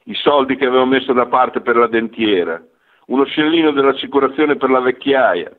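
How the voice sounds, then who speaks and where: A man voicing a spiteful old woman gossiping in a pub, with a shrill, scolding manner over a narrow phone-like radio sound. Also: brisk, natural voice.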